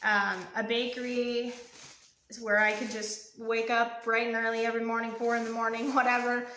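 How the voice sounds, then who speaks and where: A woman's voice: a little high, little pitch movement, moderate pace, pushed and bright, reverberant, slight background noise. A young woman hosting a live home baking stream in her kitchen, rambling and chatty with lots of ums and asides to her viewers. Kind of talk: casual live cooking demo.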